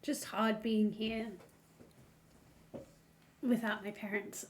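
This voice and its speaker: A woman's voice: mid-range voice, flat delivery, takes it slowly, a little hiss or hum, lightly acted. A woman playing a sad, lost young man. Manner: hesitant, subdued.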